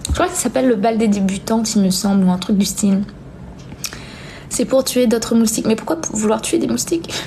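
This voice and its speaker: A young woman with a soft-edged, mellow, slightly high voice chats casually while hosting a live stream. Speaking a little fast, she reads viewer comments and answers them in hesitant, trailing phrases, with faint noise in the background.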